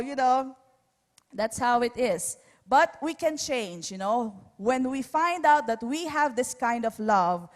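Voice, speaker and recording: A woman preaching a sermon to parents, switching between English and Tagalog and checking in with "Alright?" after each point. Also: sits high. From Philippines. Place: church hall. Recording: long reverb of a church hall.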